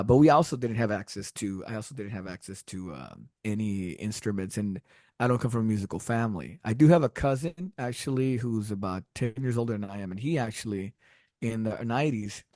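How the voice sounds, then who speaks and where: In a casual podcast interview, a middle-aged man from Texas, Spanish being his first language, tells meandering stories punctuated by frequent laughter. His voice is mid-range with a dark tone. The recording is dry and studio quality.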